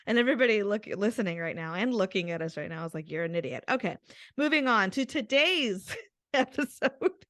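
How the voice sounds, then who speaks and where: A woman's voice: mid-range voice, expressive, fairly quick, fairly bright tone, no echo, clean studio sound. A young adult woman co-hosting a podcast with her mother, chatting casually and laughing often over a video call. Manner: giggly, chatty. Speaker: podcast co-host. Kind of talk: casual chat.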